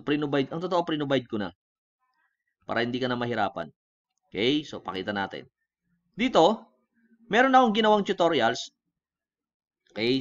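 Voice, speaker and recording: A man with a Filipino accent talking through a software tutorial in a casual way, switching between Tagalog and English and often checking in with the viewer. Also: medium pitch, dull audio. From Philippines. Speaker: online tutorial host. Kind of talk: screen-recorded software tutorial.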